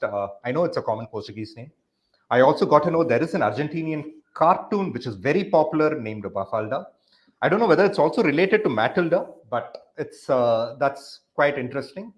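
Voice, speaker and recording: A man's voice: mid-range voice, lively intonation, brisk. Rambling man hosting a live interview. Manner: rambling, filler-heavy. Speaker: podcast host.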